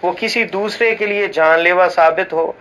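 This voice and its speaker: A man reading a written religious ruling aloud in a formal, measured way, reciting Arabic scripture and now and then slipping and restarting a word. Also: high-pitched, a bit bright, low-quality recording. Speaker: voice-over reader for a religious channel.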